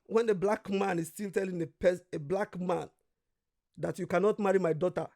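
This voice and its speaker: A man's voice: high voice, steady tone, moderate pace, darkish tone. A man from Nigeria, a guest in casual conversation, telling stories animatedly, acting out quoted voices and swearing freely.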